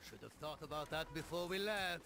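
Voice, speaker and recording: An actor playing a grumpy, sarcastic tough Viking warrior in a cartoon video game. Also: male voice, on the high side, expressive, a little fast, creaky. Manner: sardonic. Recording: game audio with music.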